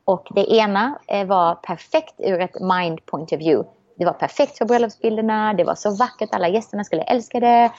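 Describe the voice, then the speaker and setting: A woman talking in a relaxed, reflective way, a little hesitant with frequent restarts. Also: medium pitch, dry recording, muffled recording. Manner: reflective and optimistic, many restarts. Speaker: guest. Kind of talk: casual conversation.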